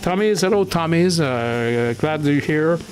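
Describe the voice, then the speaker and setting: Slow, halting man greeting his stream chat. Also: on the high side, expressive, soft background music. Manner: halting, with many restarts and chuckles; greets viewers and reads chat aloud. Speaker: livestream host. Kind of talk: casual livestream chat.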